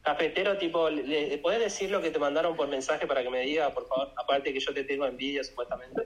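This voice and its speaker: A man's voice: on the high side, fairly even intonation, fast talker, low-quality recording. A man with an Argentine accent in an online voice-chat argument, mocking and taunting his rival with repeated jabs. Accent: Argentine Spanish. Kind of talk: heated argument.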